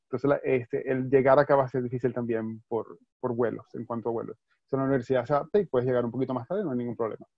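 A man's voice: medium pitch, fast talker, creaky, no echo. A man from Venezuela with a Venezuelan accent, a university advisor answering questions in a webinar, reassuring and slipping in English words. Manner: reassuring, mixes in English words, restarts often. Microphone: video call. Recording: dry, slightly dull video-call audio.

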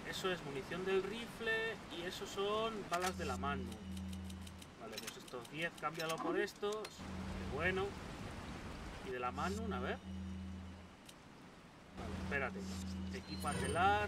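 Excitable, swearing man playing a game. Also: fairly high pitch, measured pace, long pauses, very noisy. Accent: Spain Spanish. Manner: excitable, swears and shouts at enemies; jokey running chatter. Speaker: gameplay commentator. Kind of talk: casual gameplay commentary. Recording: distant mic with loud game gunfire behind.

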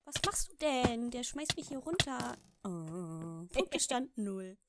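A woman's voice: fairly high pitch, big pitch swings, slow, very noisy. A woman hosting a let's play, chatting casually over a headset and giggling at her own mistakes. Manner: giggly, self-deprecating. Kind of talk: casual gaming chat.

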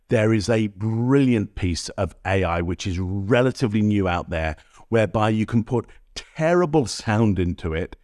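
Lively man presenting straight to camera. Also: lowish voice, no echo, studio quality. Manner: energetic, addresses viewer directly, frequent "okay?" tags. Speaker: presenter, body language expert. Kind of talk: direct-to-camera tutorial. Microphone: high-end studio microphone.

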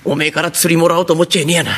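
Gruff working-class father, old Tokyo dialect, husky voice, clipped speech, rakugo, as a man puts him on. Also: fairly high pitch, flat delivery, racing, a bit bright. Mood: gruff tender. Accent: Edo Tokyo dialect. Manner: gruff and clipped, choked with emotion. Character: rough-spoken gruff working-class father, middle-aged. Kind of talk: traditional rakugo storytelling.

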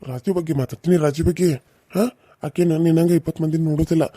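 Someone playing a hot-tempered young village husband, fast and dark. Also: mid-range voice, fairly even intonation, no room sound, studio quality, close to an everyday voice. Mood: threatening. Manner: rough, threatening and scolding.

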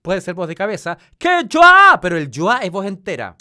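A man's voice: high-pitched, animated, brisk, fairly bright tone, a little hiss or hum. A man, working as a vocal coach, giving an enthusiastic song reaction commentary and singing short snippets to show technique. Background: music from the analyzed song.

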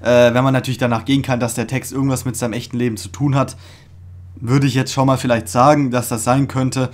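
A young man hosting a casual music reaction, talking in an excited, slangy way with many fillers and restarts, recorded in a small room. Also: medium pitch, quick pace. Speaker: reaction video host. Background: faint music playing.

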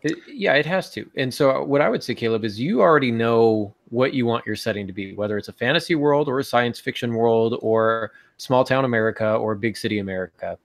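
Speaking from a small bookshelf-filled room at home, a forties-aged podcast co-host and writing advisor muses tentatively while giving casual advice on a video call through earphones. His mid-range, creaky voice moves briskly with few pauses, and the recording is dry and studio quality.

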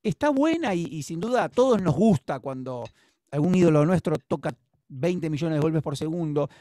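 In a dry, clean studio-sounding recording, a drum teacher with a slightly high, expressive and mellow voice speaks at a normal speed. He leads an online class by video call, patiently encouraging his students in a Rioplatense Spanish accent.

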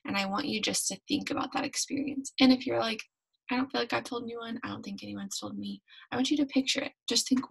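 Using the webcam at her bedroom desk, a young adult woman leads a church youth devotional, recounting a Bible story warmly and with many ums. Her voice is fairly high, gravelly, a bit bright, with a breathy edge, captured in a low-quality recording.

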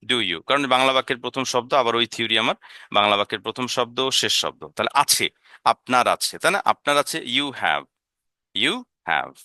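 A man's voice: medium pitch, lively intonation, normal speed, bright, forceful tone, no room sound, clean studio sound. A man with a Bengali accent teaching an English lesson, explaining sentences step by step and asking his listeners to look again.

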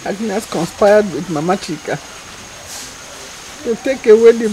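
A woman's voice: medium pitch, measured pace, warm tone, slight background noise, lightly acted, rough recording. A woman playing a weary village mother. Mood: distressed. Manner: weary, plaintive. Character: poor distressed village mother, humiliated. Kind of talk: Nollywood film acting.

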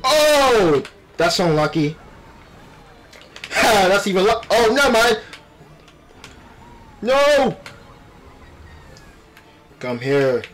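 A man giving animated, playful gameplay commentary with exclamations and trash talk, speaking with a retainer in his mouth. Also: high voice, very slow, pauses often, slight background noise. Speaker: gaming video host. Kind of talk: excited live gameplay commentary.

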